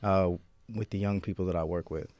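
A man's voice: deep voice, steady tone, fairly quick, a little mellow, no echo, muffled recording. A male teacher telling a heartfelt story from his classroom in a casual conversation. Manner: heartfelt storytelling, lots of restarts. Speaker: teacher guest.

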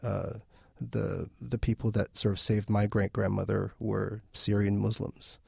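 Low gravelly man, dark and flat. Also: unhurried, no echo, studio quality. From Lebanon. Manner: thoughtful, with frequent restarts. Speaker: film festival organizer. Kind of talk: radio interview.

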